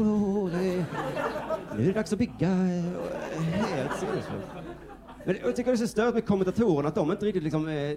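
A man's voice: on the high side, noisy background. A young man from Sweden doing stand-up comedy, laid-back and chatty, often laughing through his lines. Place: comedy stage before a crowd. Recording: live club with loud audience.

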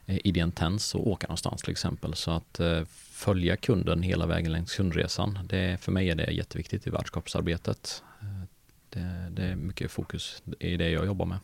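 A man with a very deep, heavily gravelly voice, speaking as a digital strategist guest. He talks hesitantly and fills his answers with many fillers. The sound is dry and close. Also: level tone, no echo. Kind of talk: casual interview answers.

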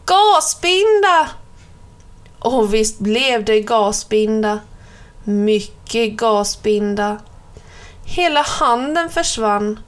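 A woman reading a children's picture book aloud in a plain, steady storytelling manner. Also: medium pitch.

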